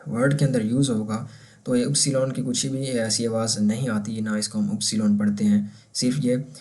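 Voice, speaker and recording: A man's voice: medium pitch, fairly even intonation, a little mellow. Man teaching German pronunciation, Urdu-accented. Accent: Pakistani Urdu. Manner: patient, repeats words slowly to model pronunciation. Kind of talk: casual explanatory lesson.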